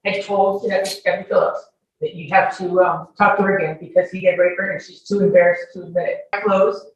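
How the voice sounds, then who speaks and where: On the witness stand, a woman responds to questioning in a brisk, flat, lowish voice, emphatic and on the defensive. The distant, echoey courtroom recording has faint noise and its highs cut off.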